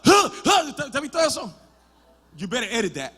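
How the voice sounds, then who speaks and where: High-voiced bilingual preacher in a reverberant hall. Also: male voice, huge pitch swings, a little slow, slightly rough. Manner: switches between Spanish and English mid-sentence; builds to loud shouted passages, then drops to quiet. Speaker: pastor. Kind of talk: sermon. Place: church sanctuary.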